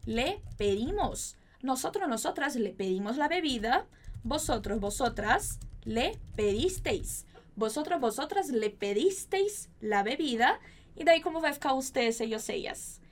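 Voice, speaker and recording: High-voiced Brazilian woman teaching Spanish. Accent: Brazilian Portuguese. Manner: lively, chatty, asks learners questions. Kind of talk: online language lesson.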